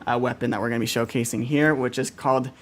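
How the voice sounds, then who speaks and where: A man's voice: mid-range voice, steady tone, fast talker, soft background music. Guy hosting a game showcase stream, chatty and upbeat, keeps cracking up, ums a lot. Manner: upbeat, laughs easily, many fillers. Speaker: livestream host. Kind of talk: casual game showcase livestream.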